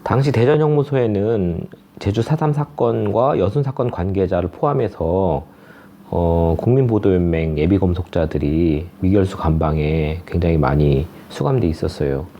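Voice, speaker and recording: A man, a researcher, explaining historical photos in a steady, explanatory way with hesitant fillers. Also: low-pitched, normal speed. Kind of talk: expert explanation.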